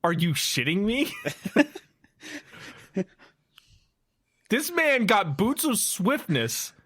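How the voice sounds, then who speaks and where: Man co-hosting a film podcast, casual chat, higher voice, slow unhurried delivery. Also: very animated, fairly bright tone, slightly rough. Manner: laughs often, acts out lines in silly voices. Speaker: podcast co-host.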